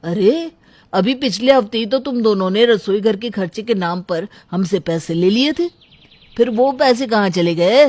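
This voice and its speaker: A woman's voice: medium pitch, moderate pace, a little mellow, no room sound, natural voice. Woman voicing cranky cartoon husband, dry close sound. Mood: irritated. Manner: angry, complaining. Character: irritated young husband. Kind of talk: cartoon voice acting.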